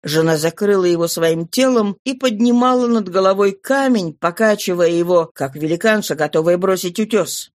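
A narrator reading a classic novel aloud as an audiobook in an even, steady manner. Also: mid-range voice, moderate pace, hardly any pauses, no echo, clean studio sound.

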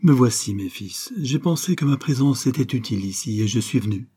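Stern older matriarch, read by a man: deep, husky, imperious, dark-toned. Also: animated, a little fast. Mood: solemn. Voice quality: deep, hoarse voice. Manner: commanding, imperious.

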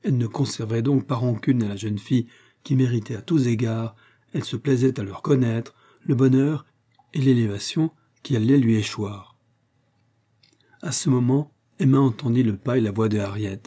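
Male audiobook narrator, dark husky tone, measured reading of a classic novel. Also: medium pitch.

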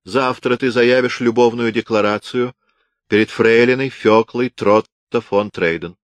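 A man's voice: medium pitch, steady tone, unhurried, no echo, pitched above the performer's own voice, lightly acted. A man voicing a scheming, domineering old field marshal who barks orders in a historical audiobook.

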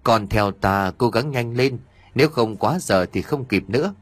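A man's voice: mid-range voice, normal speed, no room sound, close to an everyday voice. A man voicing a mysterious, secretive male spirit who commands with urgency. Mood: stern urging.

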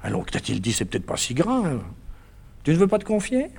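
A man's voice: a little high, huge pitch swings, brisk, gravelly, a little mellow, breathy edge, exaggerated voice. A man playing a naive, doting man who fusses tenderly over a woman, in a 1950s stage comedy recording. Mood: worried, tender. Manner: tender, fussing and chattering. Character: doting, fussy, naive middle-aged man.

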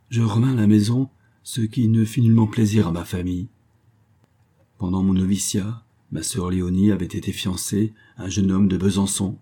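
A man reading as a stern old spinster, secretly sentimental. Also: low voice. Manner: gruff voice softening into wistful confiding. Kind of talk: audiobook reading.

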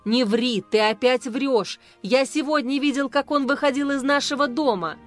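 A woman's voice: high voice, normal speed, natural voice. A woman reading the lines of a jealous young husband who answers curtly and accuses, over faint music. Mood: bitter. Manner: curt and accusing.

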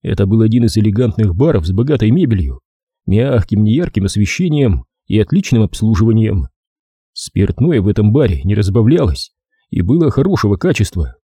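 A man reading a detective novel aloud in the first person, in a lively, ironic manner. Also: lowish voice, fairly quick, husky, no echo, studio quality. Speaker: audiobook reader. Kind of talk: scripted narration.

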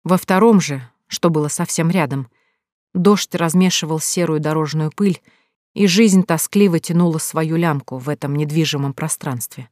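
A woman narrating a fantasy audiobook in a calm, even storytelling manner. Her voice sits fairly low, recorded dry and close with no room echo. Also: normal speed. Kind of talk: scripted narration.

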